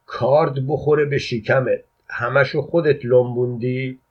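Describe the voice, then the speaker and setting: A man's voice: medium pitch, steady tone, natural voice. A man reading an audiobook, voicing a sick, hungry old father who snaps and curses, on a dull lo-fi recording. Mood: snappish. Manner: gruff, snapping, insulting.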